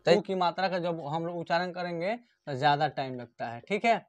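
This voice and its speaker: A man's voice: on the high side, brisk. A man teaching an online Hindi lesson, often asking a question and answering it himself and repeating key points. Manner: repetitive, asks and answers his own questions.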